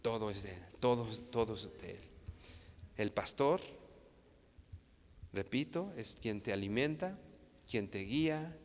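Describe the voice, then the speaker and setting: A man from Mexico with a Mexican accent preaching a sermon, earnest and repetitive, often stumbling and restarting with tag questions. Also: mid-range voice. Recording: long reverb hall.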